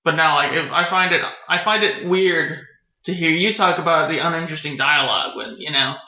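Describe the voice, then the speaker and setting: A man's voice: fairly high pitch, fairly quick, sharp tone. A man co-hosting a podcast, chatting casually about a film with dry, teasing sarcasm. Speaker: podcast co-host. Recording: roomy, dull lo-fi sound.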